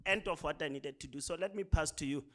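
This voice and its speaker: A man's voice: a little high, fast. A man with a South African accent giving a conversational speech at a programme launch, often tagging his lines with "right?". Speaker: speaker.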